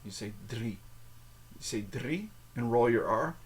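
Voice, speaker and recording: An American man, a native English speaker, hosting a casual language lesson, slow and halting, with restarts and letters spelled out one by one. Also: medium pitch, husky. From United States. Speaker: podcast host.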